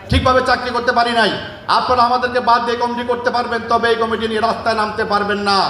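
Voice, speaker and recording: A man's voice: very high-pitched, reverberant. A man giving a fiery, repetitive political speech at a protest rally. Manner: forceful, repetitive, threatening.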